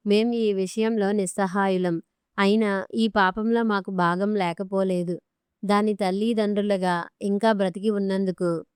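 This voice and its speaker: A woman voicing a gentle old father, slow and pained. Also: mid-range voice, fairly even intonation, smooth, no echo, studio quality, natural voice.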